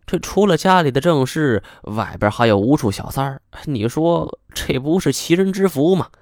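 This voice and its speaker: A man's voice: a little high, expressive, a little mellow, no echo, clean studio sound, voice pushed up. A man putting on a sly, smug middle-aged schemer. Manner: wheedling, teasing, drawn-out sayings. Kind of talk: audiobook character voice.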